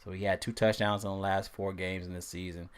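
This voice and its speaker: A man with a low voice hosting a laid-back sports picks stream. He talks in loose slang and keeps repeating and testing out player names in a playful way. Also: flat delivery, brisk, clean tone. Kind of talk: casual live-stream sports talk.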